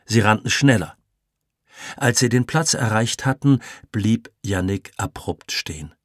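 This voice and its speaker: Slow, low-voiced male audiobook narrator. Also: lively intonation, a bit bright, dry recording, clean studio sound. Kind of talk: scripted narration.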